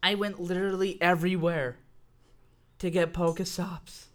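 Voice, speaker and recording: A young adult telling a childhood game story in casual chat, animated and playfully indignant. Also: medium pitch, moderate pace. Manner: animated, mock-angry retelling.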